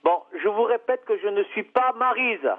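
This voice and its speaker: A man's voice: high voice, moderate pace. A man answering the phone at a hair salon, curt and exasperated. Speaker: hairdresser's husband answering the phone. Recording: tinny phone line.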